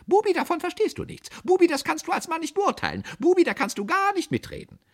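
A man reading a humorous story aloud, voicing a sharp-tongued, indignant elderly aunt who scolds in a high, drawn-out voice. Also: very animated, heavily acted. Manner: shrill, scolding, stretched-out outraged words.

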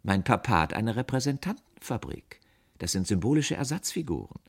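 Man putting on a young woman, mocking, dreamy, lively swoops. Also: normal speed, creaky, full character voice. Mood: lecturing. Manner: teasing, lecturing in a lighter, higher voice.

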